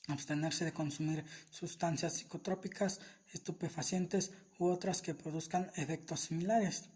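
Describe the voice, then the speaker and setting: A man reading aloud a summary of a law in a formal, steady, list-like way. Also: on the high side, moderate pace, slightly rough. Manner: steady, even, list-like delivery. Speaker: reader of a legal summary. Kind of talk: formal reading of legal text.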